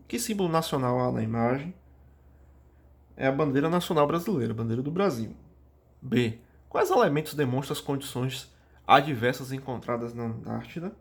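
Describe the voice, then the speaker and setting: Man, Brazilian Portuguese accent, teacher, recorded online class, middle pitch, reads questions then answers, casual with students, restarts and fillers. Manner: reads questions aloud then answers them, addressing students as "galera" and "pessoal". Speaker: geography teacher.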